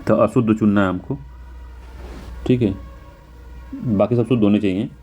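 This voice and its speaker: Slow, careful Hindi tutor, deep mellow man. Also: faint music behind. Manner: repetitive, self-correcting, often says "ठीक है"; slows and stretches words to spell them out. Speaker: exam prep teacher. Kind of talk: Hindi spelling lesson walking through test answers.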